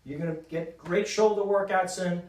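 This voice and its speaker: Fairly high-voiced man coaching exercises in echoey room. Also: steady tone, moderate pace, darkish tone. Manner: explanatory, coaching a client through reps. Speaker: sports injury doctor. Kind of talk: exercise demonstration. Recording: roomy echo, mic at a distance.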